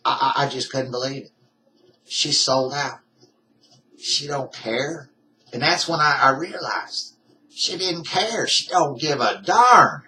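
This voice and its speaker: A man sounds off in a vlog rant, heated and folksy, stumbling over repeats as he gets worked up. His voice is bright and forward at a middling pitch, with a faint hiss of noise underneath. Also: animated, slow, low-quality recording. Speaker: YouTuber. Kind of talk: ranting vlog.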